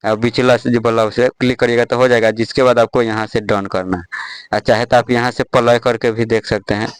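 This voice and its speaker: A man's voice: medium pitch, level tone, brisk, clear, resonant tone, no room sound, poor audio. A young man casually walking viewers through an app, step by step, with lots of "dekhiye" and "thik hai". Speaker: tech tutorial host. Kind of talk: casual screen-recorded app tutorial.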